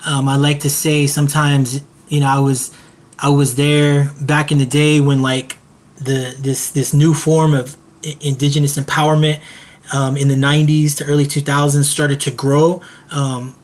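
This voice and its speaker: A man speaking as a hip-hop artist on a panel, earnest and measured, with a rhythmic, reflective delivery. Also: on the high side, flat delivery.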